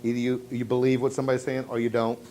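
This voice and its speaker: A man giving a motivational sales seminar to a live audience, telling stories and asking rhetorical questions, swinging from hushed tones to loud emphasis. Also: medium pitch, level tone, very fast, slight background noise. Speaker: sales trainer.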